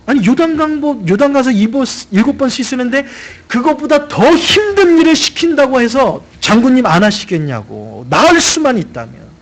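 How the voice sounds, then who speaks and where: A man's voice: very high-pitched, sing-song, normal speed, few pauses, pitched above the performer's own voice, exaggerated voice. A man voicing a loyal male servant who urges his proud general, speaking in an earnest, coaxing way. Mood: pleading.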